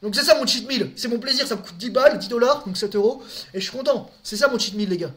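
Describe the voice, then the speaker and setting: Speaking quickly in a sharp, noticeably high voice, this man hangs out in a casual live chat. He answers viewer questions head-on, tripping over restarts and leaning on crude slang.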